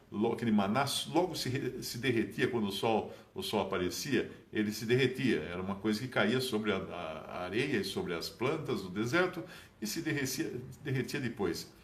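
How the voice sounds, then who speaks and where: Man, preacher, casual Bible teaching, lively swooping pitch, echoey room. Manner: animated, dramatic rises in pitch on key phrases.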